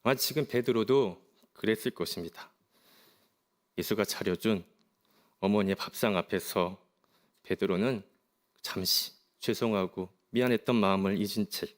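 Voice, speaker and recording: Middle-aged pastor, soft reflective sermon voice, slightly low. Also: male voice. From South Korea.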